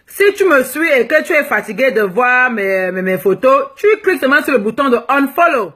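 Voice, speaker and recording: Frank Cameroonian woman vlogger, bright voice. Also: high voice, expressive, a little fast. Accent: Cameroonian French. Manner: frank and teasing, slips English phrases into French. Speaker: plus-size fashion blogger. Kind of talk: live video answering viewer comments.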